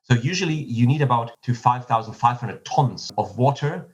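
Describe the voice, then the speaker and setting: Man, German accent, technical explainer, halting restarts, mid-pitched voice, slightly dull audio. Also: animated. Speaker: startup CEO guest. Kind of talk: podcast interview answers.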